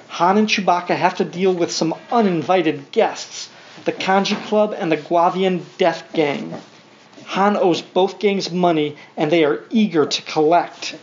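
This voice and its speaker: With a fairly low, slightly mellow voice, a woman reads a storybook to a young child in a parental manner, sprinkling in simple asides and questions. It's a dull home recording with faint noise.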